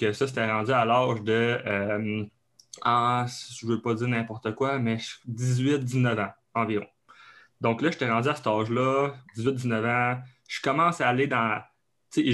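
A man's voice: mid-range voice, fairly bright tone. A young man with a Québécois accent from Abitibi, a strength coach guest talking casually and hesitantly over a remote call. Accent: Québécois French, Abitibi. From Canada (Quebec). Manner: hesitant, many fillers and restarts. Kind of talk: casual interview chat.

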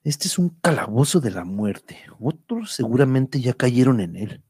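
Husky, stoic adventure hero. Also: male voice, medium pitch, very animated, darkish tone, dry recording, heavily acted. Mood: grave. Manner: measured, reassuring. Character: calm, stoic adventure hero counselling patience. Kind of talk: radio drama acting.

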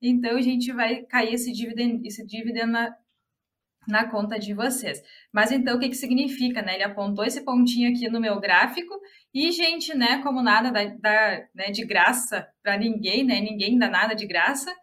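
A woman with a Rio Grande do Sul accent walks viewers through a stock chart on a live stream. Her voice sits a little high, and she keeps the talk chatty, turning to the audience again and again. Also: moderate pace, a bit bright. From Rio Grande do Sul, Brazil. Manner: chatty, addresses viewers as "gente". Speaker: chart analyst. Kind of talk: live market commentary.

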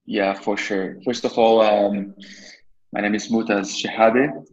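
A man's voice: lowish voice, flat delivery, a little slow, dull audio. A man in his twenties from Lebanon, a podcast guest answering questions casually, rambling with many restarts and fillers. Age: 20s.

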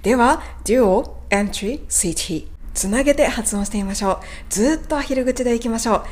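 Woman, podcast pronunciation coach, higher voice, slow careful modelling, encouraging. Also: a little mellow. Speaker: English pronunciation teacher.

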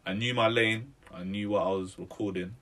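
A man's voice: on the low side, fairly even intonation, a little fast, fairly bright tone, a little hiss or hum. A man in his twenties with a London roadman accent, chatting casually as a musician being interviewed, in street slang. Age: 20s. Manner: street slang, tags sentences with "innit" and "bro".

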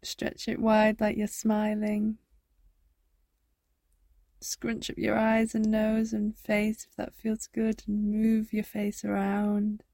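A woman guiding a body scan meditation, speaking softly and soothingly, often slipping into a whisper. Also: mid-range voice, monotone, no room sound, clean studio sound. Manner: slow, soft, soothing, drifting into whispers. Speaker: meditation guide.

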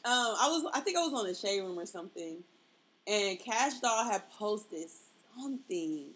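A woman's voice: medium pitch, expressive, moderate pace, fairly bright tone, poor audio. A woman hosting a podcast in a casual, chatty style. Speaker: podcast host. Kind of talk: casual chat.

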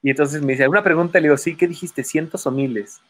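A man's voice: medium pitch, fairly quick, slightly rough. A man with a Mexican Spanish accent, telling stories in casual chat and acting out the voices of the people in them. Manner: animated storyteller acting out voices, laughing. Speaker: guest magician telling stories.

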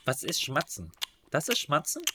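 A man's voice: on the high side, huge pitch swings, normal speed, bright, forceful tone, breathy edge. A man co-hosting a podcast in casual chat, ranting emphatically in slangy words and often restarting his sentences. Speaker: podcast co-host.

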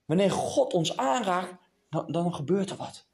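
Man, sermon, fairly high voice, very animated pitch, swings from hushed to raised. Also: unhurried, vocal fry. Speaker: preacher. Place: church hall before a congregation.

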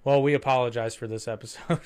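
A man's voice: medium pitch, fairly even intonation, fast, a little mellow, clean tone. A man co-hosting a podcast, chatting casually and rambling into profane stories. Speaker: podcast co-host. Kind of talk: casual chat.

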